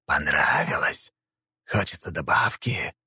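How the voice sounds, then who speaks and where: A man's voice: lowish voice, big pitch swings, takes it slowly, breathy edge, no room sound, clean studio sound, pitched above the performer's own voice, full character voice. A man voicing a sly, oily male puppet-master spirit that speaks through a prisoner, mocking and gloating.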